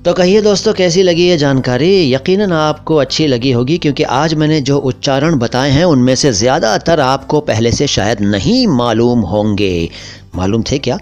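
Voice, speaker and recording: Male host with an Indian Hindi-Urdu accent, didactic, medium pitch, faint music bed. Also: darkish tone. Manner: didactic, repeats words slowly for emphasis. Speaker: language teacher, channel host. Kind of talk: pronunciation lesson to camera.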